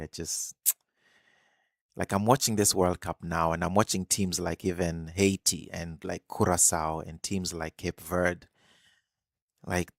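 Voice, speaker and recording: Guy hosting a football watch-along stream, super low voice, dry close sound, chill and chatty. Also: vocal fry, no room sound. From Kenya. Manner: relaxed, musing, reacts to the match. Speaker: live stream host.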